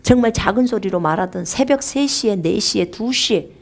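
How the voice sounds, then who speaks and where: Animated Korean woman preaching a sermon. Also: medium pitch, normal speed, vocal fry. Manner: animated storytelling, addresses congregation often.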